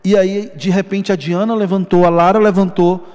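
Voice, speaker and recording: A man preaching in a big hall with a long echo trailing each phrase. His voice sits a little high for a man, and he slows down to repeat key lines with feeling as he tells his own story. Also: little pitch movement, a little mellow. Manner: emotional personal testimony, slow emphatic repetitions. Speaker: pastor. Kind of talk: sermon.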